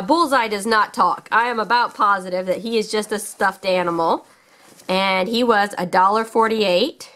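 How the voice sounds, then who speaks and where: A woman who hosts a children's toy channel shows off toys in a casual way. Her mid-range voice has a fairly bright tone, and she speaks enthusiastically in simple phrases.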